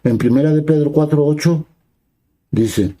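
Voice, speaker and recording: Dark-voiced male preacher. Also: on the high side, a little slow, rough recording. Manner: reads scripture aloud, then explains it in plain conversational words; asks the listeners brief rhetorical questions. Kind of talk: sermon.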